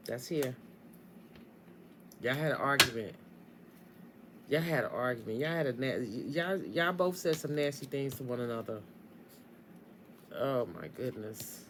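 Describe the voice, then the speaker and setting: A woman giving a casual tarot reading, blunt and animated, swearing freely and speaking straight to the listener. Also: extremely low pitch, background noise. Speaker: tarot reader.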